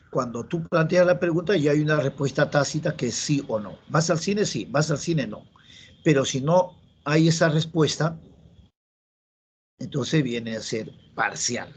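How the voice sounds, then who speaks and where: A man with a Peruvian Spanish accent and a voice on the high side gives a classroom grammar lecture, repeating key phrases and checking in with students. Slight background noise can be heard.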